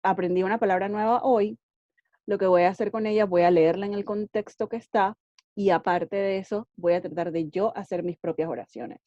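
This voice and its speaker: Her medium-pitched voice is steady and warm, moving fairly quickly, in a muffled recording without echo. She's a woman English teacher giving friendly, casual tips on learning languages, checking in often with "ok?" and weaving in English words.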